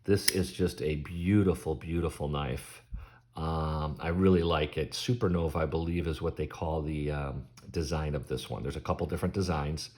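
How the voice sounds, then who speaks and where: A deep-voiced man talks through his knives one at a time in a relaxed, chatty way, pausing often on ums. He sounds like a collector pitching items to his viewers in a casual vlog. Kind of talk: casual show-and-tell sales vlog.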